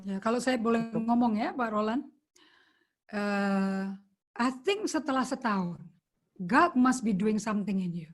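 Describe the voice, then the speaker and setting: Woman pastor preaching, higher voice. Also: animated, unhurried, long pauses. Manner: mixes English phrases into casual Indonesian teaching. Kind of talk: teaching sermon on a video call. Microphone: video call.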